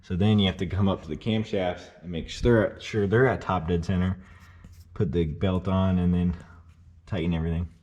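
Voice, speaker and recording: In a deep, brisk voice, this man gives a casual how-to tutorial, timing a car engine in his garage as he walks viewers through each step. He's a car repair vlogger who explains things in a relaxed manner and addresses his audience head-on. The audio is dull.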